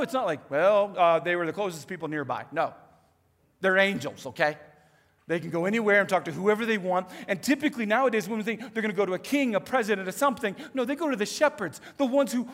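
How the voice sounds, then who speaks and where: Animated male pastor in an echoey hall. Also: on the high side. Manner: animated, swings between hushed and emphatic. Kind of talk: sermon.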